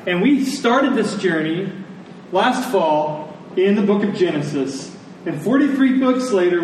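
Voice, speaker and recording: An American pastor with a high voice preaches a sermon to a congregation in a large church meeting room, speaking conversationally in short, deliberate phrases. The hall is very echoey, and the distant mic picks up faint background noise.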